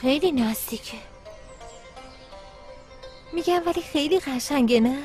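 A woman's voice: sits high, darkish tone, faint music behind, natural voice. A woman dubbing an easygoing young woman friend in a TV comedy drama, light and chatty.

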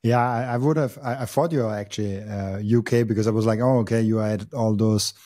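In a dry, studio-quality recording from his home studio, a young Austrian man hosts a casual podcast interview through an arm-mounted boom mic. His voice is lowish, dark and steady in tone, and fairly quick. He hesitates a lot, filling gaps and restarting sentences.

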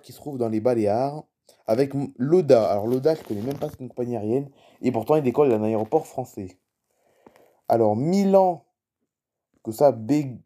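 A man's voice: mid-range voice, dark tone. A man commenting casually on a live flight-tracking map, reading out cities and plane types and chatting to viewers. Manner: puzzled by unfamiliar place names. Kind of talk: casual screen-recording commentary.

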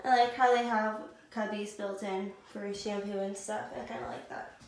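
A woman's voice: mid-range voice, flat delivery, moderate pace. A woman in her twenties casually touring her empty new apartment on a handheld phone, chatty and upbeat. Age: 20s. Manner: chatty, upbeat, says "cute little" a lot. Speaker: vlogger. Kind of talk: casual house-tour vlog. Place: empty apartment with bare walls. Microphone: handheld phone camera. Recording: echoey empty rooms, faint room hiss.

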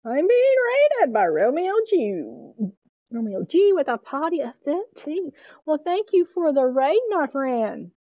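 A woman's voice: high-pitched, very animated, unhurried, no echo, highs cut off. A woman streaming a game, chatting casually and coaxing her game characters, with mild swearing. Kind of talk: casual gameplay commentary.

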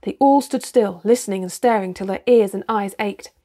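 A woman reading a children's storybook aloud, with steady, expressive narration. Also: medium pitch, normal speed. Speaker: reader.

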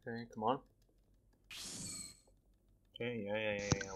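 A man giving casual, excitable gaming commentary, laughing often and cursing mildly. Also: on the low side, unhurried, muffled recording, noisy background. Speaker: gameplay commentator.

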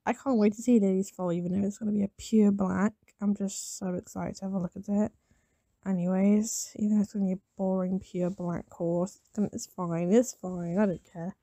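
A woman who has just woken up, with a slightly raspy morning voice, giving casual commentary while playing a game. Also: mid-range voice, fairly even intonation, fairly quick, mellow, no echo. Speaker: gamer narrating gameplay.

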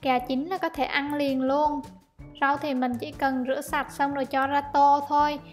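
A young woman with a high, bright voice, chatting warmly as she explains each cooking step. She talks in a friendly, easygoing way from her home kitchen. Soft music plays faintly under her voice. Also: level tone, moderate pace. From Vietnam. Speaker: cooking vlogger. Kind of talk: casual cooking voice-over. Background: soft background music.

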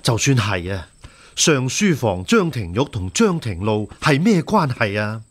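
In a radio drama, a male actor with a Hong Kong Cantonese accent plays a shrewd, steady imperial censor who reasons persuasively. His mid-range voice is unhurried, and his mood is cautioning and concerned.

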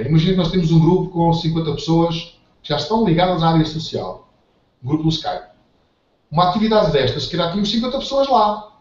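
A man's voice: high-pitched, recorded from a distance. A man with a European Portuguese accent talks earnestly to a group over a video call and keeps checking that everyone is following. His voice sits well back from the mic in a very echoey room. The audio is dull and muffled. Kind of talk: casual group call talk.

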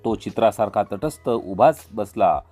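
A man narrating an epic tale in a measured, dramatic reading. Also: on the low side, expressive. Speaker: storyteller. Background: soft instrumental music.

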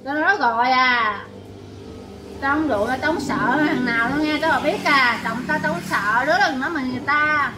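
A woman's voice: high voice, moderate pace, background noise. A drunk woman quarreling in slurred, heated speech, repeating herself and cursing. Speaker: drinking companion in a filmed drinking session. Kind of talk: casual quarrel.

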